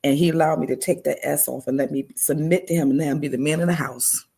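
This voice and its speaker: Gravelly-voiced woman telling a lively story. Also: low voice, fast. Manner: animated storyteller acting out dialogue. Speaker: podcast guest. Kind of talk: storytelling testimony.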